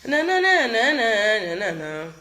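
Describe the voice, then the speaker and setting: Her voice is on the high side, very animated, pushed and bright, yet she talks a little slowly over soft background music. A middle-aged Cameroonian woman with a cold, she's livestreaming casual chat, repeating herself and replying directly to viewer comments.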